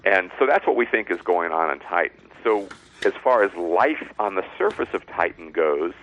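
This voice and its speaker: A man explaining science as an interview guest, measured and step by step in plain words, over a narrow phone-like line. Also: deep voice, lively intonation, fairly bright tone.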